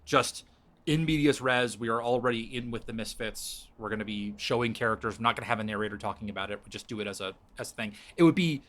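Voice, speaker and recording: A man hosting a podcast, pitching story ideas in casual chat to his co-hosts, thinking aloud with frequent restarts. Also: fast talker, a bit bright.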